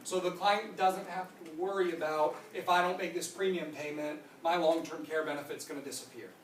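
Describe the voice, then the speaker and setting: In a conference room, a trainer in their thirties gives a product training presentation, explaining things and answering questions with snappy "nope"s and "yep"s. The voice is medium-pitched and steady, picked up from a distance in a roomy space with faint noise.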